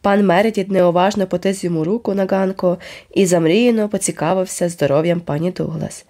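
A woman narrating a children's novel aloud in a measured, expressive storytelling manner. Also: on the low side. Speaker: audiobook narrator. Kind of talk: scripted narration.

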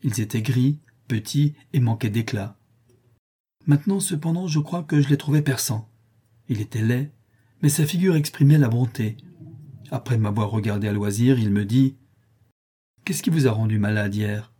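A man narrating a classic novel as an audiobook, reading in a measured, even way. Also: medium pitch, slightly rough. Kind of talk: scripted narration.

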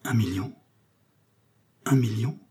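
A man reading aloud, voicing a torn, passionate young man who speaks in an emotional, halting way. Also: fairly low pitch, a little mellow, slightly rough, full character voice. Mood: stunned.

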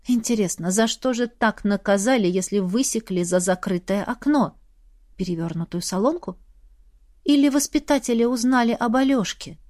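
A woman narrating a first-person audiobook in a steady storytelling manner. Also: on the high side, moderate pace, no echo, studio quality.

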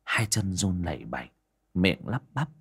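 A man's voice: sits low, big pitch swings, measured pace, breathy edge. A man narrating a village horror story in a dramatic, ominous way.

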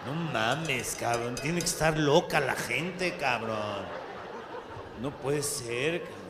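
A man's voice: mid-range voice, expressive, slow, roomy sound, background noise. A man with a Mexican Spanish accent, telling raunchy stand-up jokes in a crude, profane, playful way.

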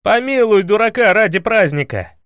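A man voicing an excitable young man who yells shrilly in an audiobook. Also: high voice, normal speed, no room sound, studio quality, pitched above the performer's own voice. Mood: excited.

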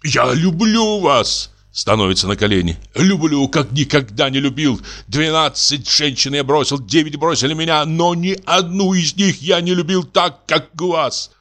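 A man playing a blunt, hot-tempered middle-aged landowner, blustering and halting, as in an audiobook drama reading. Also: fairly high pitch, lively intonation, fairly bright tone. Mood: exasperated. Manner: blustering, halting, self-mocking.

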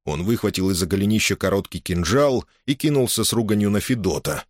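Expressive male audiobook narrator. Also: lowish voice, brisk, no echo, clean studio sound. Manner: expressive storytelling. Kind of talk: audiobook reading.

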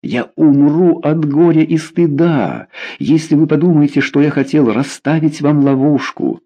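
A man's voice: a little high, measured pace, warm tone, slightly rough, dull audio, voice pushed up. A man voicing a passionate, lovesick young duke in an audiobook, speaking fervently and pleading.

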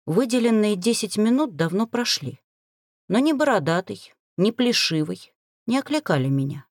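A woman narrating a first-person fantasy novel, expressive storytelling. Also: mid-range voice, normal speed, no echo, clean studio sound. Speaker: audiobook narrator.

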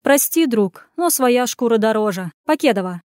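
A woman voicing a frantic, sharp-tongued young woman on the run, snapping back and shrieking in a panic. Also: fairly high pitch, expressive, normal speed, no echo, clean studio sound, close to an everyday voice. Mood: snappy.

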